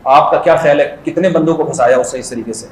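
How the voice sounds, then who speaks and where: A man's voice: on the high side, roomy sound, poor audio. A man giving a conversational, humorous sermon as an Islamic scholar, telling stories and acting out voices. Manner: storytelling, jokes, brief acted voices in anecdotes.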